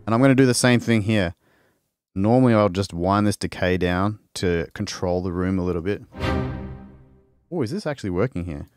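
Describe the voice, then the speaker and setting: A man's voice: low-pitched, steady tone, a little fast, over music. A man casually demonstrating a string sample library on a live stream, talking loosely with restarts as he works and answers questions. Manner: loose and rambling, with restarts while working.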